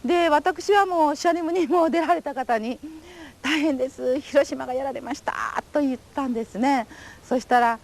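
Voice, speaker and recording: A woman's voice: sits high, normal speed. An older woman giving a recorded testimony interview, telling her memories in polite, formal, vivid storytelling. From Japan. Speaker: atomic bomb survivor giving testimony.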